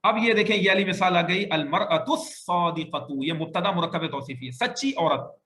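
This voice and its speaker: Male language teacher, high bright voice, patient corrector, echoey room. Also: animated. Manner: patient, repeats sentences slowly and corrects students. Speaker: Arabic teacher. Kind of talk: classroom grammar lecture. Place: classroom with online students.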